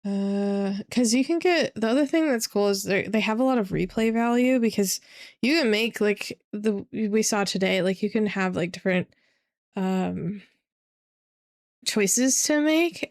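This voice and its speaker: Woman game streamer, casual rambling chat, hesitant with lots of fillers, desk mic at home. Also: medium pitch. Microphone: desk microphone.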